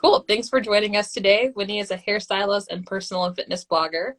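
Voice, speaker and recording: A woman's voice: medium pitch, fast, rough recording. A woman hosting a live audio chat, introducing guests and asking them questions in a friendly way. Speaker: host and moderator.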